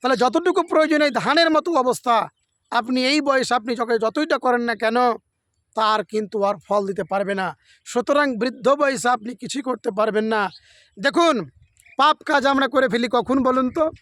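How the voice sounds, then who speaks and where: A man's voice: very high-pitched, normal speed, fairly bright tone, dry recording. A man giving a devotional sermon outdoors beside a rice field, repeating his points and earnestly pleading with his listeners. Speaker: religious preacher. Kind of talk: devotional sermon to a camera audience.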